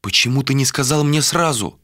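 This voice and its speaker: A man reading an audiobook voices a young woman in a raised, softened voice. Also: medium pitch, fairly quick, no echo, clean studio sound, voice pushed up, lightly acted. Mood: pleading. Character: young woman, torn and pleading.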